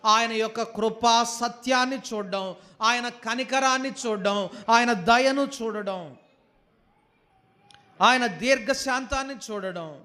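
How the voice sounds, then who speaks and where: A man preaching a sermon in a high voice for his sex. He rises into fervent, drawn-out pleading, then drops low and quiet. He keeps asking his listeners rhetorical questions. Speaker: pastor.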